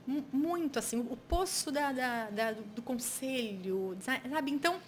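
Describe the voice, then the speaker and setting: A woman's voice: high voice, lively intonation, unhurried, a little hiss or hum. A Brazilian woman pastor, an interview guest, telling a personal story in an earnest, reflective way with frequent restarts.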